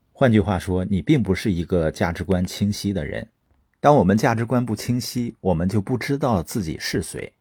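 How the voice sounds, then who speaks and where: A man speaks in an earnest motivational monologue, his voice low and a little breathy. His delivery swings widely in pitch, and the sound is close and dry. He draws listeners in with rhetorical questions. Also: warm tone, no room sound.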